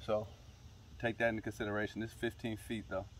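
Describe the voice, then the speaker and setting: A young man with a lowish voice talks fast while hosting a fishing channel, casually walking viewers through a hands-on demonstration in a suburban driveway. He's relaxed and instructive, speaking straight to his audience. The camera mic moves toward and away from him, and there's slight background noise.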